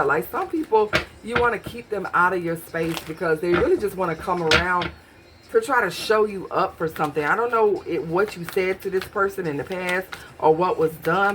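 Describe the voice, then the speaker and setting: A woman giving a casual tarot reading muses aloud, talking to herself and questioning the cards as she pulls them. Her voice is fairly low, with background noise in the recording.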